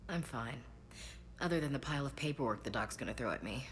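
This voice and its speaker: An actress playing an earnest, proud and grieving female soldier in a video game, with a slightly gravelly voice. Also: extremely low pitch, expressive, fast talker, a little hiss or hum. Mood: subdued, sincere. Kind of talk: video game dialogue acting.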